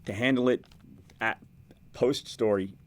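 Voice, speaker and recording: A middle-aged man, a news director, giving casual advice to students, quick and conversational with frequent restarts. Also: mid-range voice.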